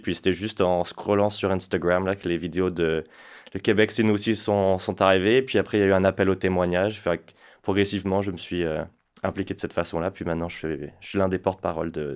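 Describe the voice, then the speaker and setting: This is a man in his twenties from France, a guest spokesperson chatting casually in an interview, whose low-pitched voice stays fairly even as he talks fast. He hesitates often, with plenty of fillers and restarts.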